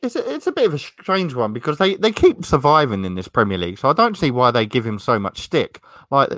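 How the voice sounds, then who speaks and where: Male podcast host, casual sports chat, mid-pitched, rambling and hesitant, very dry recording. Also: big pitch swings, a little fast, a bit bright, no room sound.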